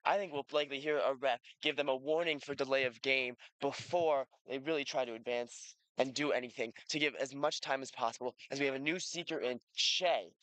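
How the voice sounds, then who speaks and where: Excitable male sports commentator, bright voice. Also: medium pitch, brisk, hardly any pauses, no echo. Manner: excitable, rises sharply on goals and catches. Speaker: play-by-play commentator.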